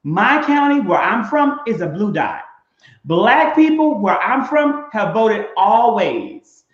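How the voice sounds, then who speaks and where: Man, co-host, high voice, emphatic preacherly delivery, dull lo-fi recording. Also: very animated, slow. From Mississippi. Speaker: podcast co-host. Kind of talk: casual discussion. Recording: roomy, dull lo-fi sound.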